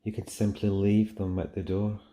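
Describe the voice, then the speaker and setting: A man guiding a relaxation meditation in a soft, soothing, gentle manner with long pauses. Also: lowish voice, flat delivery. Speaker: meditation guide. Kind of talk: guided relaxation meditation, soothing scripted narration.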